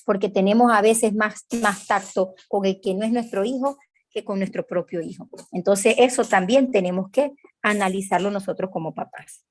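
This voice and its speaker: A woman's voice: moderate pace, a little mellow, dry recording, clean studio sound. A woman teaching an online class on emotional wounds, checking in with her listeners and acting out scolding parents in a raised voice. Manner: acts out scolding parents in a higher voice; reads out viewer comments, checks in with "¿ok?".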